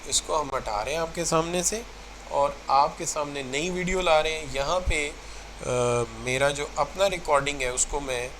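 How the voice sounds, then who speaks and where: A man's voice: fairly high pitch, a bit bright, slight background noise, low-quality recording. A man teaching a recorded lecture to students, mixing English terms into his talk and repeating phrases to show how tone changes meaning. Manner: mixes English terms into Urdu, addresses students as children.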